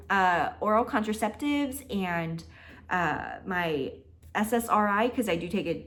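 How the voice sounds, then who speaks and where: Laughing frequently and talking with emphasis, a twentysomething vlogger addresses the camera casually from indoors at her apartment. She has a slightly high, fairly bright voice.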